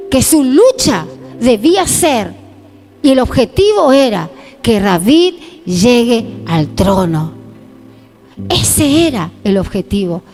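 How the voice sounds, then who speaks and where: A woman's voice: sits high, a little mellow. A woman pastor preaching at a live church service, emphatic and acting out quotes, her voice sometimes breaking with emotion. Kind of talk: sermon. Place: church sanctuary.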